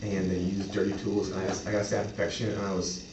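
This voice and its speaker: A man improvising a sales pitch as a representative, speaking in an earnest, accommodating and halting way. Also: level tone. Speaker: clinic representative in an improvised role-play. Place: echoey room, mic at a distance. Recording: roomy, distant mic, faint noise.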